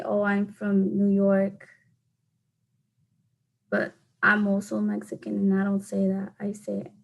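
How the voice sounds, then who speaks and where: A woman's voice: mid-range voice, vocal fry, poor audio. Young adult woman, student speaker, mid-range voice, earnest, filler-heavy when unscripted, heard over a video call. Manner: earnest, leans heavily on "like" when speaking off the cuff. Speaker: student giving a speech. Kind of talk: class speech and answering questions.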